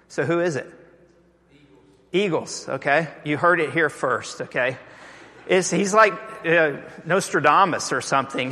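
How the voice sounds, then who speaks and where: A man's voice: on the high side, pushed and bright. A man with a Texan accent preaching a sermon as pastor, emphatic and engaging his congregation, asking them to repeat lines after him. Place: church sanctuary. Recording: long reverb of a church hall.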